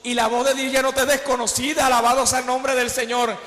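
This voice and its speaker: A male preacher delivers a sermon with a high, bright, forceful voice. He keeps punctuating his phrases with hallelujahs and direct calls to his listeners. His voice rings out with the long reverb of a church hall. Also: little pitch movement, fast. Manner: impassioned, fills phrases with "aleluya" and "hermano".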